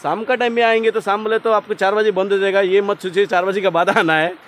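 A man filming a casual travel vlog outdoors by a loud waterfall, excited and jokey, often repeating himself. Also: sits high, quick pace. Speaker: vlogger. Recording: noisy outdoor recording. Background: waterfall roar and ambience.

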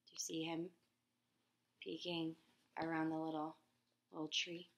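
A woman in her thirties reads a picture book to children at a measured pace, using a gentle, expressive teacher voice and raising her pitch for quoted characters. She asks the viewers questions along the way, recorded close on a laptop webcam in her living room.

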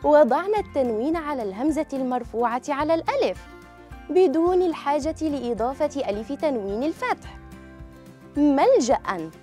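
A woman teaching a children's grammar lesson, speaking slowly and clearly and drawing out each example word for pupils to repeat. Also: high-pitched, expressive, warm tone, soft background music. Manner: clear, drawn-out model pronunciation.

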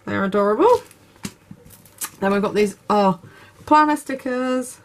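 A woman's voice: mid-range voice, measured pace, a little hiss or hum. A woman, narrating a craft unboxing video with gushing enthusiasm. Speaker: craft YouTuber. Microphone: camera over tabletop, speaker off screen.

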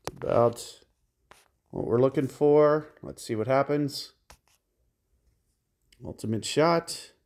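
A man narrates his mobile golf game in a steady, methodical way, breaking down each shot's numbers for his viewers. His voice is gravelly and mellow, sitting at an ordinary middle pitch. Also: slow, long pauses. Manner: calm, methodical explaining of shot calculations. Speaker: game guide creator. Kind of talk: mobile game walkthrough commentary.

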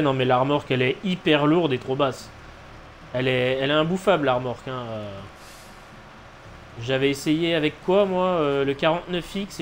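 Noncommittal male game streamer, background noise. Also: on the high side. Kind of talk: casual live gameplay commentary.

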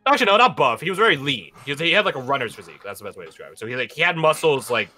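A man's voice: medium pitch, big pitch swings, rapid-fire, pushed and bright, soft background music. A young man in casual chat, telling a rambling story and running a tabletop game as game master, with lots of fillers and restarts.

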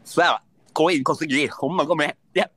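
A young man with a Kansai accent chatting casually as a livestream host, joking and excitable. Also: a little high, a little fast. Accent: Kansai Japanese. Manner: excitable, jokey, yells during game moments.

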